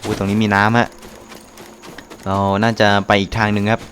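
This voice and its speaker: A man giving casual let's-play commentary, excitable, with quick exclamations and playful jokes. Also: on the low side, slight background noise. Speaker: gameplay commentator.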